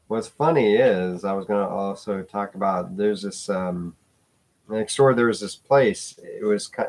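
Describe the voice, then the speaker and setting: A man with a deep, low-pitched voice talks his way through a casual vlog. He rambles and restarts, hunting for words, and drops in the occasional curse. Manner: rambling, hesitant, with many fillers and restarts; swears casually. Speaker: vlogger.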